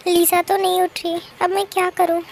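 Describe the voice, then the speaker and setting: A woman's voice: very high voice, flat delivery, moderate pace, slight background noise. A woman voicing a timid, easily frightened young woman who pleads and mutters to herself in a fan-made drama dub. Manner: anxious, pleading, talking to herself.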